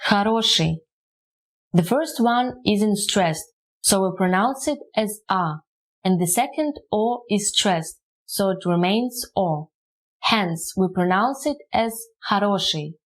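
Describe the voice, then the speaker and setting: A woman's voice: mid-range voice, lively intonation, slow, poor audio. A woman whose first language is Russian, teaching a short language lesson and spelling words out syllable by syllable. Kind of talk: slow, careful language lesson.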